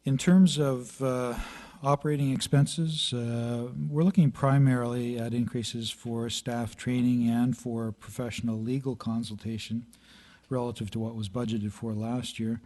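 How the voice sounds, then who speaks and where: A man with a slightly hoarse voice presenting a planning budget report at a city council meeting into a chamber microphone, halting with many fillers and clearing his throat. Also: medium pitch, fairly even intonation, a little mellow. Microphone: meeting room microphone.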